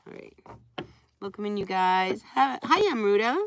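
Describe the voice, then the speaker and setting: A woman's voice: mid-range voice, moderate pace, heavy background noise. A woman giving a live tarot reading outdoors, talking to viewers in a conversational, familiar way. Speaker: tarot reader hosting a live stream.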